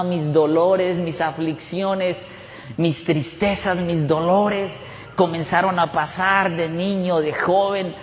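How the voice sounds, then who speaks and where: High-voiced pastor preaching. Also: male voice, in a large hall. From Colombia. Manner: emotional, repetitive storytelling. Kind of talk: testimonial sermon. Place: church.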